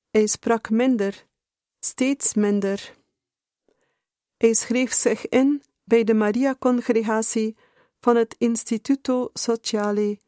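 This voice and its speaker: A woman reading a memoir aloud in a measured, deliberate way. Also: a little high, dark tone, no room sound, clean studio sound. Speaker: reader.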